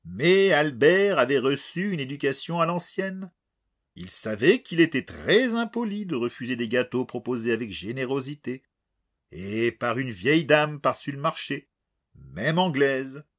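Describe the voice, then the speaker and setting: A man narrating an audiobook with expressive, dramatic storytelling. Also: mid-range voice, measured pace.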